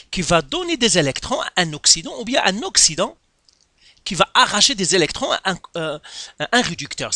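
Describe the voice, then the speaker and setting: Explaining a chemistry exercise in Quebec French, a man breaks it down step by step and keeps asking himself rhetorical questions. He sounds high, bright and forceful, with no echo on the recording.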